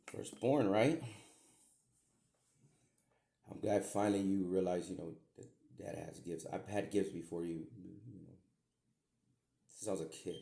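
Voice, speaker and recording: Deep gravelly rambling man. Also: a little slow, pauses often, warm tone. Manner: meandering, repeats himself, mild swearing. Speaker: podcast host, self-described medium. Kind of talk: rambling spoken message to his daughter. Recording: echoey room.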